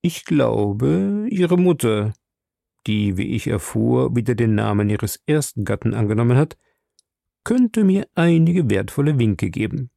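A cunning gentleman investigator, measured and diplomatic, leans on a gravelly, dark voice, as a man reads his lines. His pitch moves expressively across the sentences, and the voice sounds close and dry. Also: animated, dry recording. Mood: suave. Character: shrewd, suave older male investigator.

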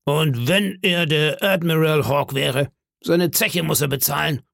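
A man playing a jovial one-legged pirate innkeeper in a storybook, hearty and blustering, raised higher than a plain voice. The delivery is slow and gravelly, with a lively swing in pitch. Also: no room sound, studio quality. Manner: hearty, booming, feigned indignation.

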